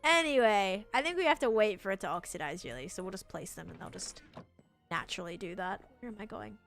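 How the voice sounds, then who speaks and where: A woman with a mid-pitched voice chats casually on a gaming livestream over music. She rambles as she thinks aloud and replies to viewers, her pitch and volume moving expressively. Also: animated, fairly quick, creaky, fairly bright tone. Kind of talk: casual gameplay stream chat.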